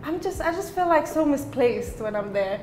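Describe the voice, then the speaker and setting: A woman's voice: high voice, moderate pace, a little hiss or hum. A woman in her thirties, from Switzerland and Ghana, chatting relaxedly while showing an apartment. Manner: relaxed, chatty, laughs easily. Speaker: apartment owner giving a tour. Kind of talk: casual chat on a tour. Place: indoor apartment. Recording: echoey room.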